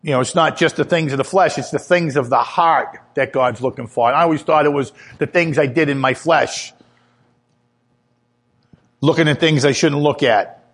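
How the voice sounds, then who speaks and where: High-voiced man preaching earnest testimony. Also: moderate pace, a bit bright. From Italian heritage. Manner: earnest testimony, rises in pitch when emphatic. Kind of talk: sermon.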